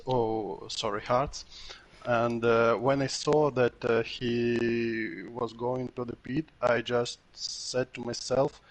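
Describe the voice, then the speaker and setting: Male race winner, slow, gravelly, hesitant interviewee. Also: medium pitch. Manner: slow, halting, many uhs, tired.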